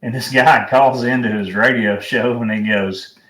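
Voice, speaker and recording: A man hosts a casual sports chat on a podcast from a home room at night, rambling through his stories with lots of fillers. His mid-range voice has fairly even intonation, a fairly bright tone and normal speed. The roomy echo, distant mic and faint noise are audible.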